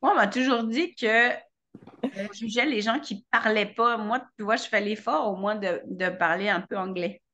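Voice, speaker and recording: A woman host with a French accent from France chats casually in an interview. Her voice is bright and forward at a middle pitch. She talks playfully and pokes fun at herself. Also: moderate pace. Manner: chatty, playful, self-mocking.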